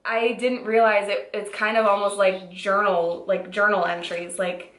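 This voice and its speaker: A woman in her twenties talks in an informal, chatty vlog style. Her pitch sits in the middle range for a woman, and the room around her adds a clear echo. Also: little pitch movement, a little slow, a bit bright. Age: 20s. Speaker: vlogger. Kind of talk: casual personal vlog chat. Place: indoors at home, echoey room. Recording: echoey, roomy home recording.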